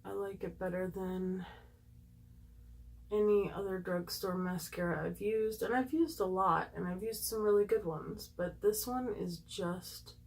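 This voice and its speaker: A woman with a slightly squeaky voice giving a casual, chatty makeup tutorial, gushing and emphatic as she thinks aloud to her viewers. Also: a little slow, vocal fry, a little mellow, poor audio.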